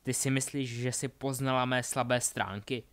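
A man's voice: medium pitch, fairly even intonation, a bit bright, lightly acted. Brief: man reading as a determined wizard dad, firm and urgent, storybook style. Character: determined adult wizard father, brave.

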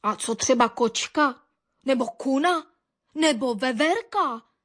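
A woman voicing a stern, gruff old male dog who questions the birds. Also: high voice, expressive, a bit bright.

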